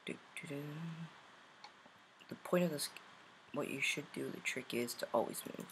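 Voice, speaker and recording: A man quietly muttering commentary while playing a game, concentrating and reacting to each round. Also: medium pitch, fairly quick, vocal fry, slight background noise, poor audio. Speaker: gamer.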